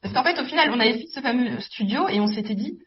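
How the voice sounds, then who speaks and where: A woman from Metz, a guest on a podcast, telling her investing story in a quick, animated way. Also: a little high, a crowd in the background. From Metz, France. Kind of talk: interview conversation. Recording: distant, dull sound.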